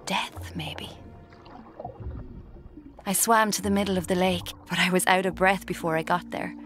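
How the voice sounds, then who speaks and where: A young adult woman with an Irish accent plays a morbid, cheeky would-be writer in a radio drama. She narrates in a hushed, deliberate manner, her natural voice pitched fairly low.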